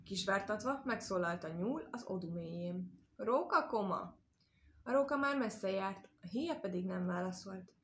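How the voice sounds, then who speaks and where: A woman narrating an animal fable, reading in an expressive, measured way. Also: mid-range voice, a little hiss or hum. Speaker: storyteller. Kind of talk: storybook narration.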